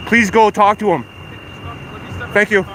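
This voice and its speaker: A high-voiced man streams live from a city street. He is combative and agitated, swearing and repeating his points over clear street and vehicle noise. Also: steady tone, a little slow. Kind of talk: live street vlog, confrontational talk. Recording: noisy outdoor street livestream. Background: loud street and vehicle noise.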